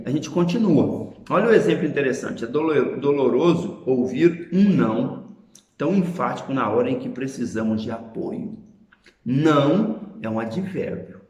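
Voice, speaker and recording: A man's voice: mid-range voice, darkish tone, roomy sound. A man with a Brazilian Portuguese accent teaching a grammar lesson, explaining patiently and often checking in with short tag questions.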